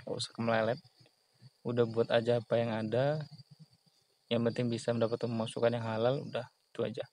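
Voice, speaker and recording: A man's voice: mid-range voice, flat delivery, a little fast, darkish tone, a little hiss or hum, rough recording. A man giving casual, earnest advice on a small business, repeating his points and chuckling at himself, recorded outdoors in a plantation. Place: outdoors in a palm and banana plantation.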